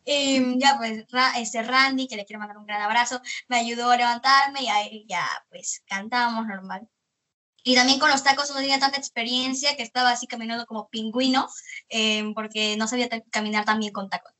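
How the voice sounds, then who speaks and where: A woman's voice: a little high, fairly even intonation, fairly quick, pushed and bright. A young woman, a singer, chatting hesitantly in an interview. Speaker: guest singer. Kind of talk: casual interview chat.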